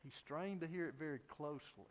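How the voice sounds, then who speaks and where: A man preaching an evening sermon in a halting, storytelling way, speaking at a pulpit microphone. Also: on the high side. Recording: reverberant hall sound.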